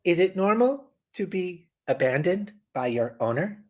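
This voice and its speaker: A man's voice: high-pitched, big pitch swings, unhurried, voice pushed up, exaggerated voice. A man voicing an automated camper as a machine in improvised comedy, with a stiff, announcing delivery. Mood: robotic.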